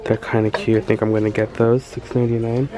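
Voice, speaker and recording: A man with a lowish voice talks fast, a crowd audible behind him, while casually vlogging a thrift-shopping trip on a handheld camera in a store aisle. He gushes over his finds, gets excitable, and chats to himself as he narrates.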